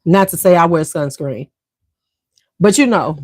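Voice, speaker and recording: A woman's voice: fairly low pitch, unhurried, a little mellow, no echo. A woman hosting a beauty livestream, chatting casually and slangily straight to her viewers.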